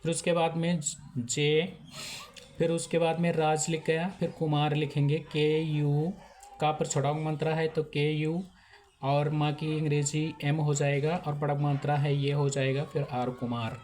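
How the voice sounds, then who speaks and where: Male teacher, slightly high voice, slow repetitive step-by-step delivery. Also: little pitch movement, darkish tone, slight background noise. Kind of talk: handwriting lesson.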